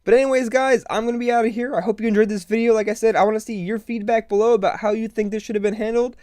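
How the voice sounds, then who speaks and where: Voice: medium pitch, very fast, no room sound. Blunt, casual commentator, dry close sound. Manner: blunt, profane, animated asides. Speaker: online video commentator.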